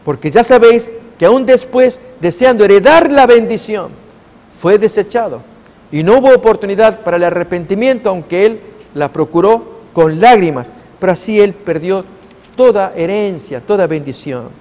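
A high-voiced man preaching a sermon, telling the story with animated, acted-out voices. His voice rings with a long reverb, as in a large hall. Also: normal speed. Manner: animated storytelling, acting out the characters' lines.

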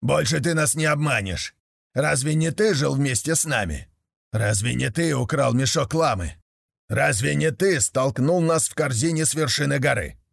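A man voicing a fierce, angry male wolf in a storybook reading, with a gravelly, raspy voice. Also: mid-range voice, normal speed, no room sound, studio quality.

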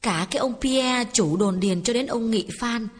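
A woman's voice: fairly high pitch, normal speed, husky. A woman voicing a grieving older mother who tells a family tragedy tearfully and earnestly, in an audiobook. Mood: sorrowful. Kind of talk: audiobook dialogue reading. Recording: reverberant with background music.

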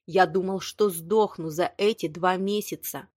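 A blunt, quick-tempered young man, a lawyer who argues hard and sharply, as a woman reads him in an audiobook. The voice sits a little low and sounds close and dry, with no room around it. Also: steady tone, darkish tone, no echo. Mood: heated. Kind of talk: audiobook dialogue reading.

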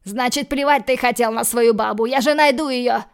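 Woman doing a shrill cornered young junkie. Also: moderate pace, smooth, close to an everyday voice. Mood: shouting. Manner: shrill, pleading outbursts. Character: cornered young male addict, whiny and spiteful. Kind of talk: audiobook character voicing.

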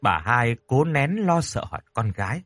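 A man narrating a ghost story in a scripted, expressive and dramatic storytelling style. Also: mid-range voice, normal speed.

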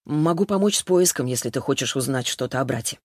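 A calm, apologetic man who speaks in a measured way, as a woman reading the book puts him on. The sound is dry and close. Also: extremely low pitch, no room sound. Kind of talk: audiobook character voice.

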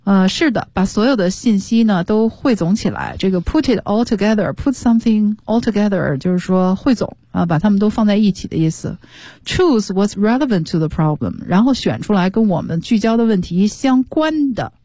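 A woman's voice: medium pitch, animated, normal speed, warm tone, no echo. Woman, radio language teacher, patient explanations, dry close studio sound. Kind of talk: bilingual radio language lesson.

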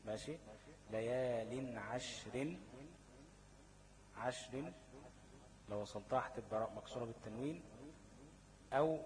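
A man's voice: mid-range voice, rough recording. A man with an Egyptian accent teaching a recitation class, constantly quizzing students with "what?" and "okay?" checks. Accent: Egyptian Arabic. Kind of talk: classroom lesson. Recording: class chatter behind the voice.

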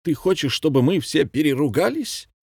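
A swaggering former stage director with grandiose theatrical phrasing, pitched higher and louder than the narration, as a male reader puts him on. He crows about his schemes with bright vanity. The recording is dry and close, with no room sound. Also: very animated, normal speed, creaky, husky, no echo, exaggerated voice. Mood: scheming. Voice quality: grandiloquent, theatrical, rhyming speech. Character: boastful pompous middle-aged male ex-theatre director. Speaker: commandant.

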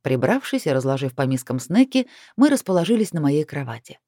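A woman narrating a first-person story in an expressive reading style. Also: sits low, brisk, no echo, clean studio sound. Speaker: audiobook narrator. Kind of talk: scripted narration.

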